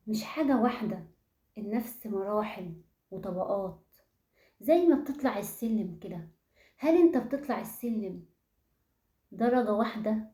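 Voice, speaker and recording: Woman, Egyptian accent, motivational talk, rhetorical questions, mellow voice, roomy echo. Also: medium pitch. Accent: Egyptian Arabic. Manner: asks the listeners rhetorical questions; addresses the audience directly. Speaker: self-awareness speaker.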